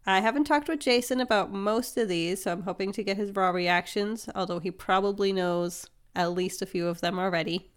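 A woman's voice: medium pitch, moderate pace, hardly any pauses, clean tone. A woman hosting a podcast, explaining things in an upbeat, conversational way with frequent laughs. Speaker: podcast host. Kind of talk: casual chat.

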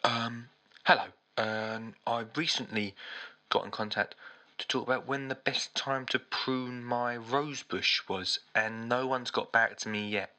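A man's voice: mid-range voice, steady tone, measured pace, pushed and bright. Hesitant man leaving a voicemail. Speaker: caller.

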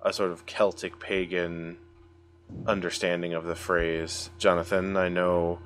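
An American man hosts a casual podcast chat, with playful introductions and loose questions he thinks through aloud. His voice sits low and level, at a measured pace, with a slightly bright sound.

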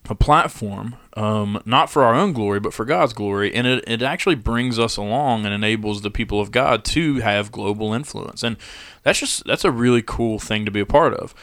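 A man with a somewhat low voice, speaking slowly and reflectively in casual church podcast chat, pausing often on "um" and "right?". The recording is dry and close. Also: fairly bright tone, no room sound. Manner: reflective, hesitant, many fillers.

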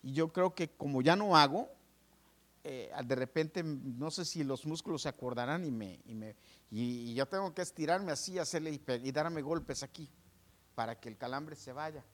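Animated preacher telling his story. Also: on the high side, moderate pace. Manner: animated storytelling, addresses listeners as brothers; acts out dialogue with doctors and nurses. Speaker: pastor. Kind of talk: sermon testimony.

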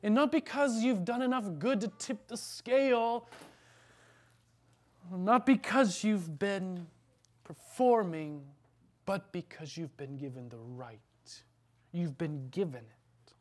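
A man's voice: high voice, slow pace, long pauses. A man preaching an earnest, emphatic sermon as pastor, then leading a prayer in church.

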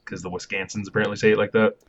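A man co-hosting a casual podcast chat, relaxed and jokey with a lot of fillers. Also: lowish voice, racing, creaky. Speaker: podcast co-host. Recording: dull lo-fi with crowd noise.

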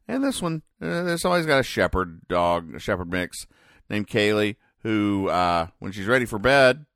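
This deep-voiced podcast host offers laid-back commentary recapping a comic strip, hesitating and pausing as he explains with mock-serious, deadpan care. The sound is close and dry, with little sense of the room.

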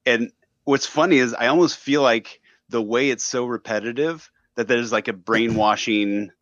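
A man's voice: mid-range voice, steady tone, normal speed, fairly bright tone, dry recording, muffled recording. A man in a casual podcast discussion. He talks in a thoughtful, hedging way and fills his speech with "like.".

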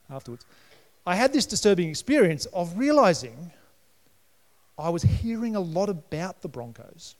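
Preaching a sermon in a relaxed, conversational manner, this gravel-voiced Australian pastor from New South Wales is middle-aged and sits a touch high in pitch for a man. Now and then he bursts out louder and higher, and the church hall wraps each line in lingering echo.

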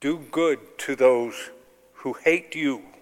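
A man, a clergyman, solemnly proclaiming scripture in deliberate short phrases, in a cathedral-like echo. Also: medium pitch. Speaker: clergyman reading the Gospel. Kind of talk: solemn liturgical Gospel proclamation. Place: large reverberant church. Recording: cathedral-like echo, long reverb.

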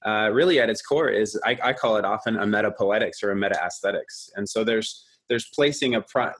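A man hosting a talk, asking a long question with many restarts and fillers. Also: fairly low pitch. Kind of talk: interview question.

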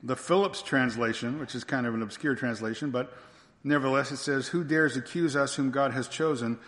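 A male preacher's sermon is emphatic and brisk, pounding rhetorical questions over and over. His middle-pitched, fairly bright voice rings through the long reverb of a large church hall.

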